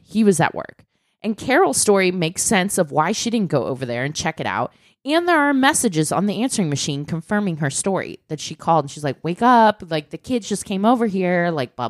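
Speaking in a fairly low pitch, this woman tells a true crime tale as co-host of a laid-back podcast, full of "like" fillers and a few curse words. Her delivery is animated, and the audio is dry and studio quality.

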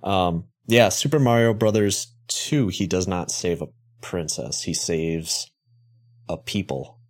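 A man's voice: low voice, slow. A man co-hosting a podcast in casual chat, rambling and joking, swearing freely and correcting himself as he goes. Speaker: podcast co-host.

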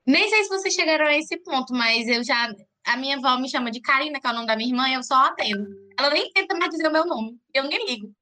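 Bright-voiced young woman, storytelling. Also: high voice, fast. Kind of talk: casual group chat.

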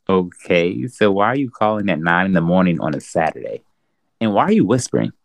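A man plays a joking young best friend in an audio drama. His voice is low and gravelly with a lively, bouncing pitch, and it sounds close and dry. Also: normal speed, no echo. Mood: teasing. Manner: laughing, teasing. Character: teasing, loyal young male friend.

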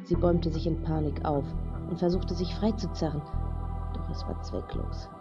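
A woman narrating a dramatic novel as an audiobook in a measured reading. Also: low-pitched, huge pitch swings, gravelly, over music. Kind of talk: scripted narration. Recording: dull lo-fi recording.

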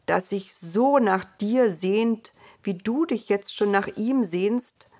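A woman reading the part of God in a storybook, a stern but tender creator speaking slowly and gently. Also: medium pitch. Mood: grave.

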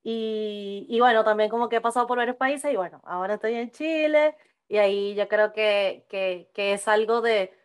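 A woman's voice: medium pitch, moderate pace, smooth. A woman from Venezuela hosting a podcast interview in a friendly, conversational way. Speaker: podcast host. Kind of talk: casual interview chat.

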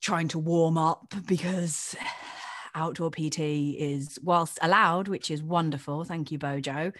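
A woman's voice: sits low, fairly even intonation, unhurried, dry recording, studio quality. A woman co-hosting a casual podcast over a call, chatty and frank, laughing a lot. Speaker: podcast co-host, personal trainer. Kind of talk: casual chat. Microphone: remote call.

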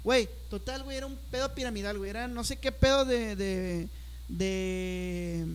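A young man with a Mexican accent telling a story in slangy, animated casual chat, acting out the voices of the people he quotes. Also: high voice, moderate pace, smooth. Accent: Mexican Spanish.

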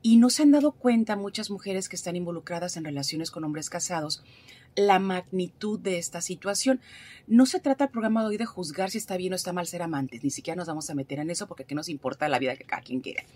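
A woman with a fairly low, husky voice gives advice on talk radio. She is direct and colloquial, talking like a therapist in conversation. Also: animated, fast talker, darkish tone. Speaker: therapist, regular radio contributor.

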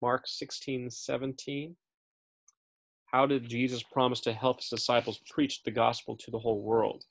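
A native English-speaking man with a medium-pitched, level voice teaches a Bible study at a moderate pace. His style is casual and chatty, full of fillers, frequent check-ins with listeners, and self-corrections.

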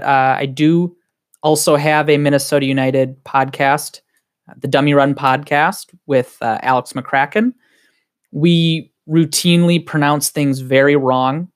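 A man with a Wisconsin accent, a guest on a casual podcast, talking in an excited, heated, rambling way. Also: on the high side.

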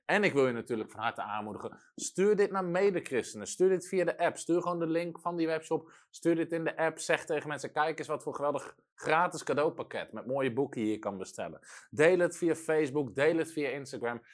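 Man, preacher, broadcast sermon, animated, slow scripture reading. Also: on the high side.

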